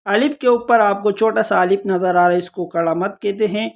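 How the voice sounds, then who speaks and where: A Quran recitation teacher, explaining pronunciation step by step and slowly drawing out each example word. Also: medium pitch, fairly even intonation, vocal fry. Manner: slow, drawn-out recitation of examples between explanations.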